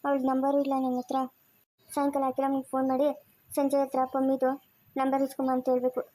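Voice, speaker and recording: A woman acting in a homemade family drama with a Chikkaballapur Kannada accent, scolding in fast village talk. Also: high voice, monotone, dark tone.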